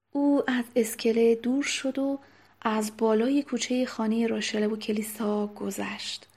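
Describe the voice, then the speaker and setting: A woman narrating a novel in a soft, unvoiced whisper with steady, even reading. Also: fairly high pitch, breathy edge. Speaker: audiobook narrator. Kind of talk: whispered storytelling.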